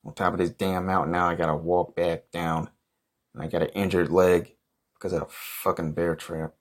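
A man's voice: deep voice, flat delivery, moderate pace. A man hosting a comedy podcast, delivering an improvised monologue in a profane, exasperated, grumbling manner.

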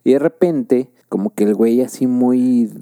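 A man's voice: mid-range voice, moderate pace, warm tone, no room sound, studio quality. A young Mexican man co-hosting a podcast, telling a rambling, profane story packed with fillers. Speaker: podcast host.

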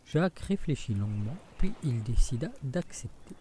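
A man reads a fairy tale aloud in a steady storytelling voice. His tone is mellow and warm, with a faint hiss of noise under the recording. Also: mid-range voice, moderate pace. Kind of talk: scripted storybook narration.

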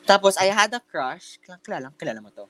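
Here a young podcast co-host speaks a little fast in a high, pushed, bright voice with lively intonation. His casual storytelling blends Tagalog and English, peppered with fillers, restarts, and campy slang.

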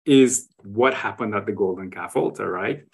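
A man's voice: fairly low pitch, normal speed, gravelly, slightly rough. Man explaining with frequent "right?". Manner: tag questions, frequent restarts. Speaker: guest sharing travel photos. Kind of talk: conversational explanation.

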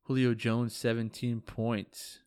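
A man's voice: mid-range voice, little pitch movement, slow pace, darkish tone, clear, resonant tone, no room sound, clean studio sound. A man hosting a casual fantasy football podcast, joking loosely, swearing now and then and ribbing his league friends while sounding tired. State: tired, yawning. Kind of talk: casual solo podcast recap.

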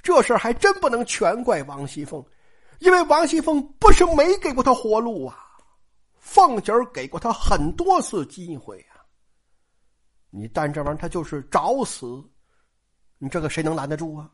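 A woman's voice: medium pitch, very animated, normal speed. A woman telling a classic novel in a chatty, colloquial storytelling style, often addressing listeners directly.

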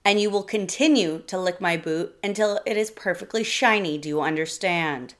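A woman reading a short story, voicing an abusive, controlling man with a rough, commanding manner. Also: on the low side, normal speed, close to an everyday voice. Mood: menacing.

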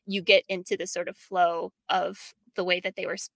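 A woman's voice: on the low side, little pitch movement, moderate pace, vocal fry, a bit bright, no room sound. A young woman podcast host and document editor, talking thoughtfully in an interview and laughing often. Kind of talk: conversational interview.

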